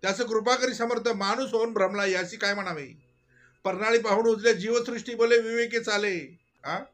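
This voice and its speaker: A man giving a devotional discourse, full of rhetorical questions and swinging between soft murmurs and loud exclamations. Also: sits high, fairly even intonation, fairly quick. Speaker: spiritual teacher.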